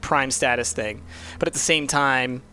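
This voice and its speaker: Bright-voiced man musing over a game. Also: medium pitch, unhurried, a little hiss or hum. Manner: thinks aloud, muttering and musing. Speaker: streamer playing a mystery game. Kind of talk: casual let's-play commentary.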